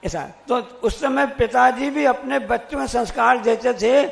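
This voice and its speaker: A man's voice: extremely high pitch, a little slow, vocal fry, long reverb tail. A man, a monk, giving a sermon, telling stories with acted quotes and repeated phrases. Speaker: Jain monk.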